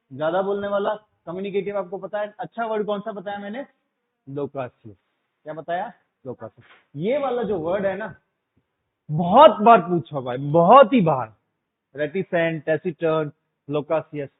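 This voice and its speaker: A male teacher giving a classroom vocabulary lesson, drilling his students with repeated questions and calling them 'beta'. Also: high-pitched. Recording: tinny phone-like sound.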